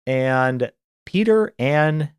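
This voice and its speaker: A man's voice: fairly high pitch, lively intonation, drawn-out words, smooth, no echo, clean studio sound. A man co-hosting a podcast, recapping a film in casual chat and laughing often as he tells the story. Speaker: podcast co-host.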